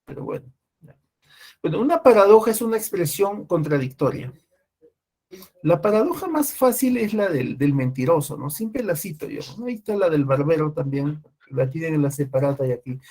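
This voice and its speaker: A man's voice: on the high side, animated, moderate pace, a little mellow. A man teaching a class, explaining step by step and constantly checking in with his listeners. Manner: explains with frequent "¿no?" and "¿ya?" checks, restarts. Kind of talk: classroom lecture.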